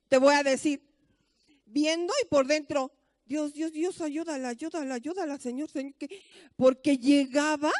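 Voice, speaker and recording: A woman's voice: sits high, a little mellow, dry recording, clean studio sound. A woman pastor with a Mexican accent, giving a conversational sermon full of stories and rhetorical questions.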